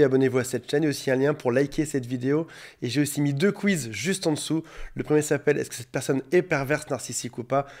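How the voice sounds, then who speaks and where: A man with a fairly high voice hosts his own relationship-coaching channel. He talks straight to the viewer in a direct, explanatory way and slips into little voices for quoted lines. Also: darkish tone. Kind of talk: talking-to-camera coaching monologue.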